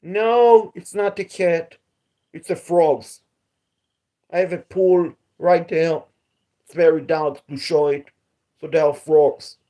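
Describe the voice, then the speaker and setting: A man's voice: a little high, steady tone, slow pace, pauses often, mellow. A man hosting a live stream outdoors at night, talking in a repetitive, aggrieved, lecturing way. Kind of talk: casual live stream talk. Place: outdoors at night near a pool.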